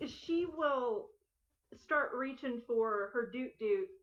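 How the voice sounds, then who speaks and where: A woman's voice: on the high side, expressive, slow, a bit bright, lo-fi sound. A woman describing her character's actions in a tabletop game, hesitant and full of fillers. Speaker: player.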